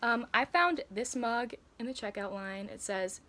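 A book vlogger in her 20s chats casually in a reading vlog shot indoors in her cluttered bedroom lined with bookcases. She giggles and laughs often and uses plenty of fillers, and her voice is on the high side, a little slow, and sharp.

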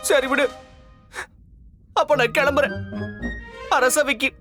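A young man playing a witty, quick-tempered royal advisor in a dubbed TV drama, exasperated and complaining, over background music. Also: very high-pitched, steady tone. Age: young adult.

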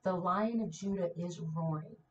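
A woman's voice: lowish voice, moderate pace, muffled recording, a little hiss or hum. A woman leading a ministry, preaching an encouraging sermon to her viewers in fervent, repetitive declarations. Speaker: ministry leader.

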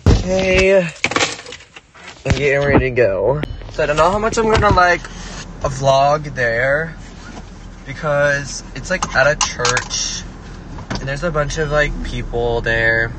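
A man's voice: fairly high pitch, takes it slowly, pauses often. A young man chatting casually into his phone for a vlog, full of "like" fillers and swearing when annoyed. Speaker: vlogger. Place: home and in a car. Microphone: handheld phone. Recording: noisy phone recording.

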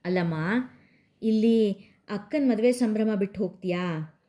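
A woman voicing a caring middle-aged father who questions his daughter with gentle concern in a story reading. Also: mid-range voice, moderate pace, lightly acted. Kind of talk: storybook narration.

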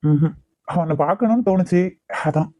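A woman voicing a gentle, caring young man in a cartoon love story, talking in a soft, teasing and reassuring way. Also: lowish voice, moderate pace, no room sound, close to an everyday voice. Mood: tender teasing. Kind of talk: cartoon voice acting.

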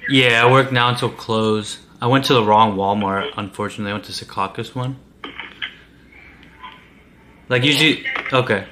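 A man's voice: on the low side, steady tone, fairly quick, background noise. A man in his twenties making a casual prank phone call, posing as an employee in a hesitant, pleading, innocent way. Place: small indoor room.

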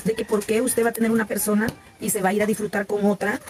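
A woman's voice: medium pitch, flat delivery, quick pace, a little mellow. A woman in her forties with a Salvadoran Spanish accent, chatting candidly with viewers on a live stream and often restarting her sentences. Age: 40s. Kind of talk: casual live-stream chat.

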